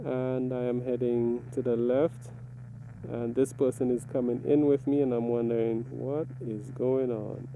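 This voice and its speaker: A man giving a casual, step-by-step video commentary, explaining things deliberately and pausing mid-sentence. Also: mid-range voice, level tone, gravelly, phone-quality sound, a little hiss or hum. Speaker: motovlogger reviewing own ride footage.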